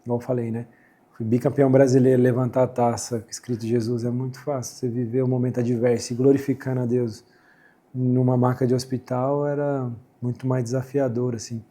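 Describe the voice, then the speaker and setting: Husky, dark-voiced Brazilian man. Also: mid-range voice, little pitch movement, a little fast. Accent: Brazilian Portuguese. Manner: reflective, quotes scripture, many "né" and "assim" fillers. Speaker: guest, former footballer and speaker. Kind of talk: casual faith conversation.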